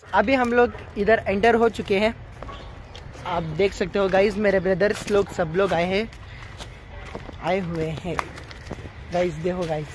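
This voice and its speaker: A teenage or young man vlogs on a handheld phone while strolling through an outdoor city park, his high voice holding a steady tone at a measured pace with long pauses and background noise. It's a casual walk-through: he chats away, says "guys" again and again to his viewers, and mixes English words into his Hindi.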